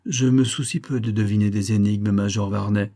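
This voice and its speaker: A man's voice: lowish voice, steady tone, normal speed, dark tone, close to an everyday voice. A man reading the part of a bored, spiteful married woman, weary, sardonic and impatient, in an audiobook.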